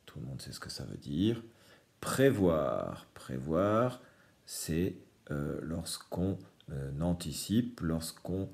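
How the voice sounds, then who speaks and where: A man's voice: very deep voice, big pitch swings, slow, vocal fry, darkish tone. A man teaching a reading lesson to young children, patiently explaining each word. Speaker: primary school teacher.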